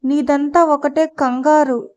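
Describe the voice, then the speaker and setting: A soft-spoken, patient middle-aged father from a storybook who talks mildly and teases kindly, voiced by a woman narrator. The voice is high, and the recording sounds slightly dull. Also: fairly even intonation, takes it slowly.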